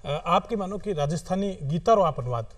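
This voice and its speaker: A male host of a television studio program, interviewing guests and reading short poems slowly and deliberately. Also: sits high, lively intonation, no room sound, distant mic. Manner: reads his short poems slowly and deliberately, repeating lines. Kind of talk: hosted interview with poetry readings.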